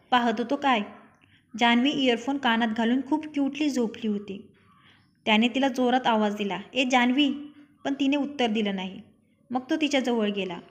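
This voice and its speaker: Young woman storyteller, fairly high voice, narrated story, reads all parts herself.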